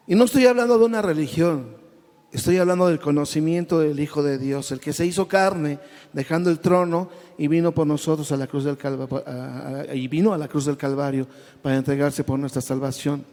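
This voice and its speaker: Before a congregation, a man with a rather high voice for a man and a darkish tone shares the story of his conversion. Emotional, he stumbles over repeated words and calls his listeners brother, while long reverb hangs after each phrase as if in a large hall.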